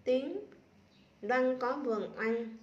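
A woman teacher spelling out sounds and syllables aloud slowly for young children in a reading lesson. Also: high-pitched, a little mellow, dull audio. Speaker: primary school teacher. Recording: echoey room.

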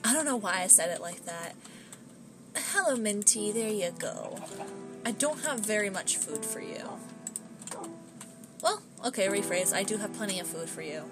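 A woman's voice: medium pitch, animated, moderate pace, pauses often. A woman giving casual commentary while she plays a game, chatting to her pets in the game. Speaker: gameplay streamer. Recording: music playing behind.

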